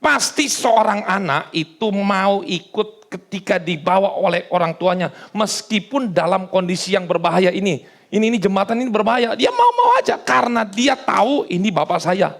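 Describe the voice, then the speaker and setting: Male pastor, gravelly voice, loose conversational sermon full of jokes. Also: high-pitched, animated, moderate pace, a bit bright. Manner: casual, joking, conversational preaching. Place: church service.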